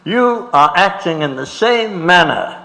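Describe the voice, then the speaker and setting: In a staged documentary, a male actor gives a dramatic reading of a court transcript as a defiant defendant insistently demanding his rights, deliberate and forceful. He uses a full character voice that is high, expressive, and creaky, and the recording echoes through a large, reverberant auditorium.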